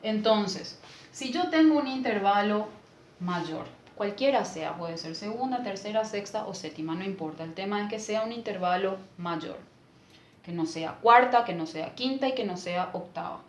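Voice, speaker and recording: A woman's voice: mid-range voice, lively intonation, moderate pace. Patient woman teaching music theory, echoey room. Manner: patient, explanatory, asks rhetorical questions with "¿verdad?". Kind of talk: explaining music theory lesson. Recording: echoey room with faint noise.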